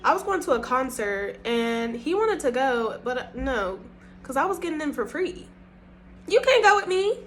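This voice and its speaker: A young woman telling a casual storytime about dating, animated and profane, often laughing. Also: high-pitched, moderate pace, a little hiss or hum. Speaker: storytime vlogger.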